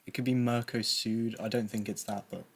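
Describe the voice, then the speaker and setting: A man's voice: lowish voice, level tone, normal speed, creaky, breathy edge. A young man from Dorset, England, a quiz contestant making tentative, thoughtful suggestions to his team.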